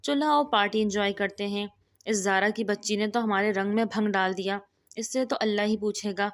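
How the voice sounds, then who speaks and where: A woman's voice: mid-range voice, steady tone, close to an everyday voice. A woman reading the lines of a young woman comforting her friend in a storybook, soothing and reassuring.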